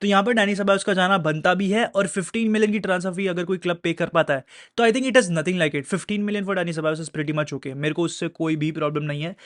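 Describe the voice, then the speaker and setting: A man's voice: high voice, quick pace, a bit bright. A man giving casual football commentary, chatty and talking straight to his viewers. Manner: chatty, mixes Hindi and English mid-sentence; addresses viewers directly, conversational asides. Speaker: football pundit.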